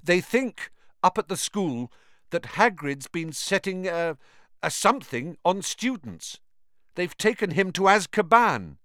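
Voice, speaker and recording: A man's voice: high-pitched, very animated, a little slow, fairly bright tone, no echo, clean studio sound, voice pushed up, full character voice. A man doing a breathless frightened boy. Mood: pleading. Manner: breathless, urgent pleading. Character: frightened young schoolboy wizard, desperate.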